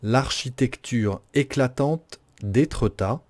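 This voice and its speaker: A mellow-voiced man dictating at an extremely slow pace. He articulates carefully, breaks sentences into short phrases and says the punctuation aloud like a teacher. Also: medium pitch. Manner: deliberate, carefully articulated, repeating each phrase.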